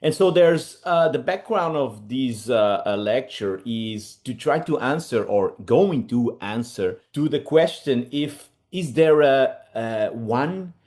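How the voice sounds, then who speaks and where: Relaxed dentist presenting. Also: male voice, mid-range voice, slow, few pauses. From Portugal. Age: middle-aged. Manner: relaxed, many fillers, slightly non-native phrasing. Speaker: implant dentist, webinar co-host. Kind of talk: casual presentation.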